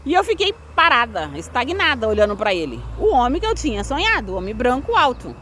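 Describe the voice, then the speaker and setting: A woman recounts a personal experience with a lively, swooping delivery, slipping into the voices of the people she quotes. Her voice sits a little high, and faint noise hums under the recording. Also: brisk. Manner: acts out quoted dialogue of other people. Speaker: storyteller. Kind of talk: personal testimony storytelling.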